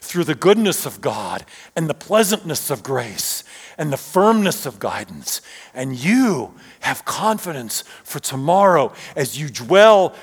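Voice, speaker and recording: A male pastor delivering a sermon, swelling loud and dropping to hushed, almost whispered phrases. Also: fairly high pitch, breathy edge, in a large hall. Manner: swells loud then drops to near whisper. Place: church sanctuary.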